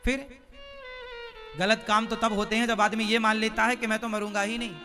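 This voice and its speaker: A man's voice: sits high, little pitch movement, normal speed, music in the background. A man preaching a sermon through stories, in a folksy way, asking the audience questions as he goes. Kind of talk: storytelling sermon.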